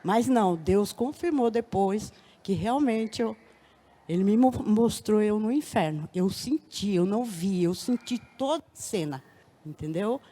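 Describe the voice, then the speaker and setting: A woman's voice: medium pitch, lively intonation, measured pace, warm tone. A woman giving a testimony in church, telling her story vividly and with rising emotion, often repeating words for effect.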